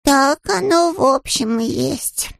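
A man's voice: very high voice, expressive, slow pace, vocal fry, fairly bright tone, no room sound, studio quality, pitched above the performer's own voice, exaggerated voice. A man voicing a naive, polite young male bear in an audiobook, earnest and innocent in manner. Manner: earnest, innocent, matter-of-fact. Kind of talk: audiobook character voice.

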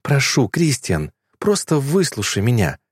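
A man voicing a desperate young woman who pleads softly in an audiobook story. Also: rumbling low, big pitch swings, moderate pace, husky, no echo, studio quality, pitched above the performer's own voice, full character voice. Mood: pleading. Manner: soft, pleading.

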